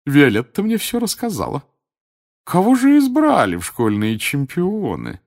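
A man's voice: on the high side, wildly swooping pitch, a little slow, gravelly, voice pushed up, full character voice. A man voicing a gossipy, portly old woman in a painting in an audiobook, nosy and sing-song. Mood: curious.

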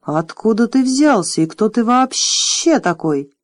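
A woman's voice: fairly high pitch, lively intonation, no room sound, studio quality, voice pushed up. A woman voicing a scheming, cruel female dragon who hisses and drawls with false sweetness in an audiobook. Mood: rude. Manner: hissing, sneering, slow and drawn out. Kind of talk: audiobook character voice.

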